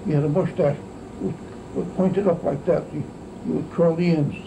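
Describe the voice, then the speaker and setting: A very elderly American man with an aged, creaky voice recalls the past casually, in a halting, rambling old man's way, often tagging thoughts with "see". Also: fairly high pitch. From United States. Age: very elderly, about 90s or older. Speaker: grandfather recalling wartime childhood. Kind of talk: casual oral-history reminiscence. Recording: noisy, steady insect-like background hum.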